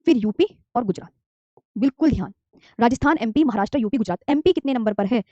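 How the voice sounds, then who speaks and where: A woman's voice: on the high side, animated, fast, dark tone, no room sound. A woman in her thirties teaching a geography lesson, coaxing her students, repeating key terms and asking them to say them along. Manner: calls students "dear children", mixes English terms into Hindi. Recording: dry, slightly dull lo-fi mic.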